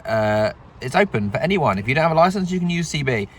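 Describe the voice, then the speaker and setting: A radio hobbyist vlog host with a British accent talks casually to camera from inside a parked pickup truck, his humour wry and understated. He talks fast in a fairly high voice with big swings in pitch.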